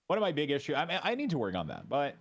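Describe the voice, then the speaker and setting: A man with a fairly high, gravelly voice speaks with a French Canadian accent, French being his first language. As a guest in a streamer's interview, he chats casually and calmly, with many hesitant restarts.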